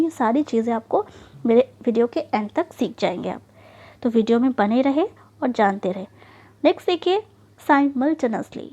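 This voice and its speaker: High-voiced woman teaching pronunciation. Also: a little mellow, muffled recording. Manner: mixes Hindi with English terms, checks in with "okay" and "right"; stretches out example words slowly. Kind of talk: online lesson explaining slides.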